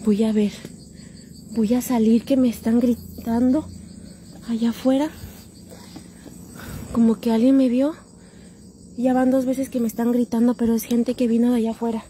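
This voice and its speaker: A woman's voice: on the high side, flat delivery, moderate pace, long pauses, warm tone, slight background noise. A woman with a Mexican accent livestreaming a ghost hunt outdoors at a cemetery on her phone, exclaiming and repeating words to her viewers. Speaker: paranormal livestreamer. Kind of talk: live-streamed ghost hunt.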